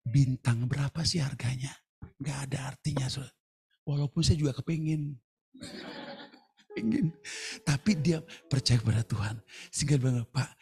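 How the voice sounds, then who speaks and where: Husky animated man preaching. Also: medium pitch. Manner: animated storyteller, acting out others' lines. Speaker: pastor. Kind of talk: sermon with storytelling. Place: church service streamed on video call.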